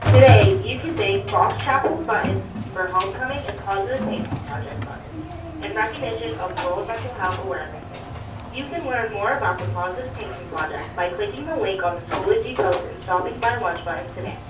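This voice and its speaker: A woman reading morning announcements over a school intercom in an upbeat, clear way. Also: mid-range voice, a little fast. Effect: over a school intercom loudspeaker. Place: classroom hearing the intercom. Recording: echoey loudspeaker heard from far off with background noise.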